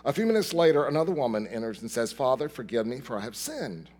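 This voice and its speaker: A male minister speaking in a church sanctuary, in a middle-pitched voice. He tells a joke and teases the congregation in friendly asides before settling into his sermon. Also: very animated, quick pace, darkish tone, breathy edge, faint music behind. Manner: chatty, teasing asides to the congregation.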